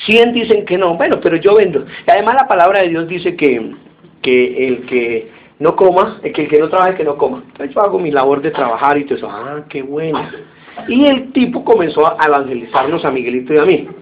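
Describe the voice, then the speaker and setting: A man preaching a sermon, telling anecdotes in an animated way and acting out the quotes. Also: fairly high pitch, fairly quick. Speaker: pastor. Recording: tinny phone-like audio with faint hiss.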